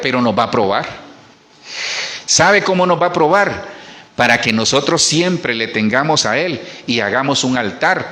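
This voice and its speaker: A man preaches to his congregation in a loose, conversational way, breaking off for asides and restarts. His voice sits a little high and bright, and its pitch swings widely as he makes his points. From Colombia. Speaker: pastor. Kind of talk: sermon. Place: church.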